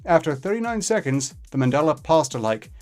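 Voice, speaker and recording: A man's voice: a little high, sing-song, brisk, soft background music. Man reading a clinical document aloud. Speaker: reader. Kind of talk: live reading of a fictional document.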